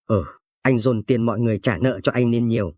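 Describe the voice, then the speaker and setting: A man's voice: mid-range voice, fairly quick, darkish tone, no echo, clean studio sound, close to an everyday voice. A man voicing a curt, irritable young husband in a spoken story. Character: young husband, touchy and money-hungry.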